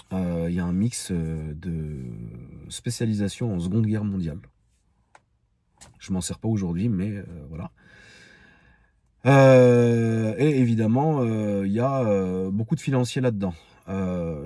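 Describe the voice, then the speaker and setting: Recorded in clean studio sound with no echo, a man from Paris in his thirties casually rambles in slang to his online followers about his personal life. As a video creator with a Parisian French accent, he speaks in a fairly low, warm voice.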